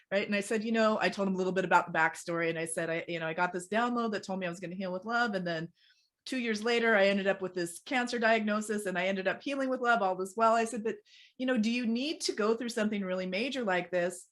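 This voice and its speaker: A woman's voice: mid-range voice, bright, forceful tone. Woman guest telling stories on a call. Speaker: podcast guest. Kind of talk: casual interview conversation. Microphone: video call.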